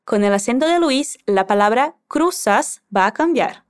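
Woman, language teacher, scripted lesson, patient, encouraging, slow and lively. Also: on the high side, smooth. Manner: patient, encouraging, prompts the listener to repeat.

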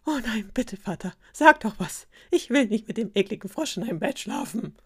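A woman's voice: medium pitch, big pitch swings, normal speed, slightly rough, pitched above the performer's own voice. A woman voicing a spoiled young princess who whines and pleads, in a spoken fairy tale. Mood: whiny. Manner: whiny, pleading.

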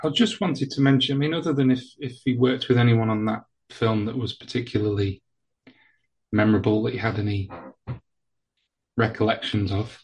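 Low, husky-voiced male host asking hesitant, polite interview questions. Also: steady tone, normal speed, darkish tone, low-quality recording. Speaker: podcast host.

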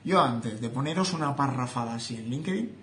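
A man's voice: mid-range voice, lively intonation, fairly quick, fairly bright tone, slight background noise. A young man with a Spain Spanish accent, giving an opinionated casual vlog monologue as a social media creator, speaking straight to his viewers. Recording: roomy echo, faint ambience.

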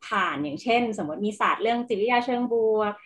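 A woman as an interview guest who explains stress in a clear teaching way, asking rhetorical questions and dropping in English terms. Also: medium pitch, animated, quick pace, fairly bright tone.

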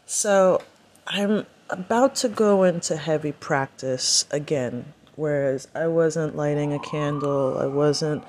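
A woman's voice: low voice, slow, a little mellow, a little hiss or hum. A woman rambling through a casual personal vlog, talking to herself and breaking off now and then. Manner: rambling, self-talking, talks to her baby in between. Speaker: vlogger.

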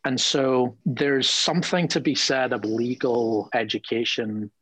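A man speaking as a lawyer guest in a conversational interview, earnest and animated, often repeating words as he thinks aloud. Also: medium pitch, measured pace, breathy edge, no echo, rough recording.

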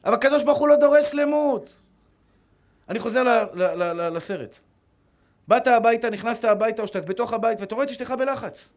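A middle-aged man, a rabbi, preaching a religious lesson with emphatic repetition. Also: very high-pitched. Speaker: rabbi giving a Torah lesson. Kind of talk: religious sermon.

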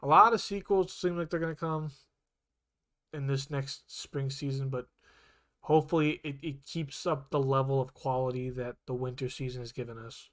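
A man talks at a moderate pace in a mid-range voice as a podcast co-host having a casual chat. His delivery stays even-toned but rambles, with frequent restarts and self-corrections.

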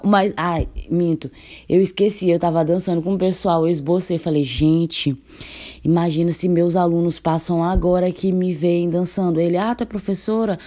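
A young woman from Brazil telling a funny personal story in a casual vlog, laughing often and acting out the dialogue. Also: lowish voice. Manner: animated, laughing, acts out the dialogue.

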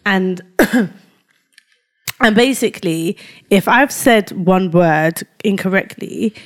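Slowly and in a mid-range voice, a female podcast co-host trades casual banter. Slang comes naturally to her, "fam" and "yeah" especially, and she illustrates her points with examples and side remarks.

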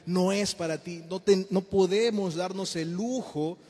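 A man preaching an informal sermon to a youth group, lively and acting out the voices of the people he quotes. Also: high-pitched, measured pace, breathy edge, big-room sound. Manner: animated, acts out quoted voices.

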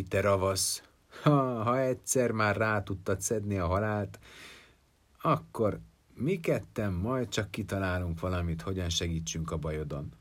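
A man's voice: lowish voice, husky. A man playing a wise old sage. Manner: advising, measured. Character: thoughtful old male sage giving counsel. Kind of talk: storytelling.

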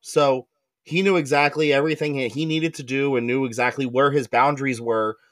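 A man hosting a casual podcast chat, joking and animated, laughing often as he talks. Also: mid-range voice, brisk, dry recording. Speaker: podcast host. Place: recording in Germany.

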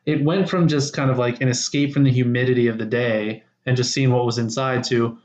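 A man's voice: mid-range voice, steady tone, fairly quick, darkish tone. A man co-hosting a casual podcast chat, rambling and teasing, often breaking off mid-thought. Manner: rambling, self-interrupting, teasing. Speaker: podcast co-host. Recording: roomy, dull lo-fi sound.

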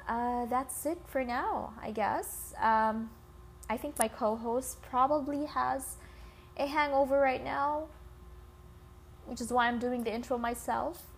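Female podcast host, slow and fry-heavy, informal chat, phone-recorded with faint scratching behind. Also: high voice, slight background noise. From Philippines. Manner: informal, swearing, addresses listeners as guys. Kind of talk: casual solo podcast intro. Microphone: iPhone.

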